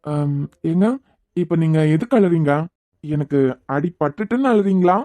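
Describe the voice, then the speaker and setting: A woman's voice: lowish voice, animated, moderate pace, warm tone, dry recording, close to an everyday voice. A woman voicing a cheeky, teasing young man in a cartoon series, with a Kanyakumari Tamil accent. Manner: teasing, sarcastic.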